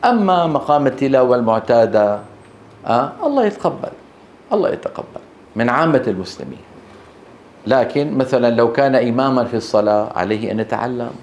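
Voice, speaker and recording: A man with a mid-range, somewhat dark voice and a Levantine Arabic accent teaches Quran recitation to a class in a hall. He speaks emphatically and quizzes his students with short questions, and the echoey recording carries a faint hiss or hum.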